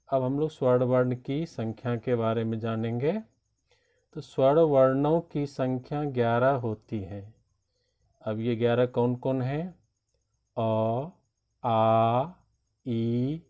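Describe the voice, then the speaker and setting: A man teaches a grammar lesson to children at a very slow, patient pace, sounding out each letter one by one. His voice is mellow and relaxed. The recording is dull and lo-fi. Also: medium pitch. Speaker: Hindi teacher. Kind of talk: classroom lesson explaining grammar.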